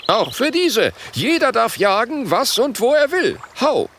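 A man voicing a carefree, boastful male sub-chief who exclaims his words in a shrill voice, in a storybook reading. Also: very animated, unhurried, a bit bright, heavily acted. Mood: exuberant.

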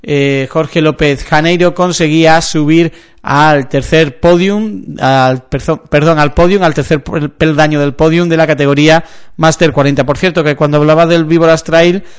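A man hosting a radio sports segment, presenting news off the cuff and often halting to search for words. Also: fairly high pitch, steady tone, clear, resonant tone. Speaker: local radio sports host.

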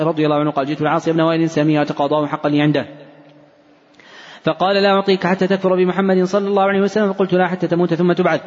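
A man reading hadith texts aloud in a fast, even recitation, recorded in a large mosque hall. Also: on the high side. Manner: fast, even, unbroken reading with brief slips. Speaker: hadith reader. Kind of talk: rapid recitation of hadith text. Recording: dull recording in a reverberant hall.

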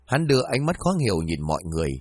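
A man narrating a village short story in an expressive reading voice. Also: deep voice, racing, no echo, clean studio sound. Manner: expressive, rising and falling reading.

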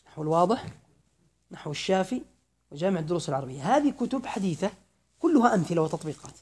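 A man giving a classroom grammar lesson, slowly reciting verse lines, then explaining them and quizzing his students. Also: high voice, expressive, a little mellow, slightly rough. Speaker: grammar teacher.

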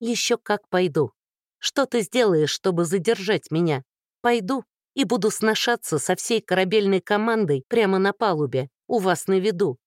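A reader voicing a furious young woman who shouts and taunts in an audiobook. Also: mid-range voice, moderate pace, no room sound, clean studio sound, pitched above the performer's own voice, lightly acted.

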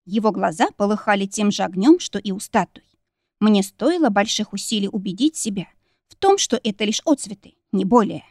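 A woman reading a fantasy novel aloud in the first person, with even, expressive storytelling. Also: medium pitch, fairly quick, no echo, clean studio sound. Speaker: audiobook narrator. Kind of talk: first-person audiobook narration.

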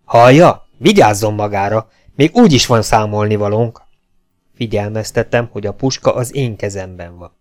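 A man's voice: lowish voice, hardly any pauses, darkish tone, lightly acted. A man reading an audiobook who voices a stern, principled male baron serving as a legionnaire, speaking firmly and commandingly. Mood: warning. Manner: commanding, firm, raised voice. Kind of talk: audiobook character voice.

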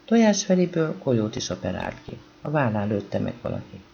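Guy reading a novel out loud, gravelly dark voice, goes up and down a lot, kinda lo-fi with a bit of hiss. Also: lowish voice, sing-song. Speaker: audiobook reader. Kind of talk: scripted audiobook narration.

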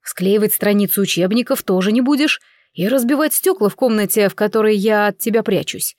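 A woman's voice: medium pitch, brisk, no echo, studio quality, close to an everyday voice. A woman reading the lines of a playful, mocking young nobleman in a story. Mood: teasing. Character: teasing charming young nobleman.

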